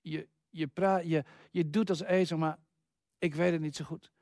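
A man voicing an older father who has been deceived, speaking hushed and hesitant. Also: a little high, fairly even intonation, normal speed, no room sound, clean studio sound, close to an everyday voice. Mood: doubtful. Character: older male who was deceived, father, doubtful then anguished.

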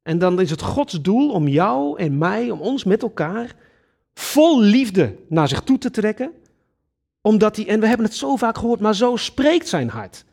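A man with a high-sitting voice and vocal fry preaches a sermon at a measured pace, addressing his congregation directly. He's earnest and emphatic, his lively delivery punctuated by sudden rises for emphasis.

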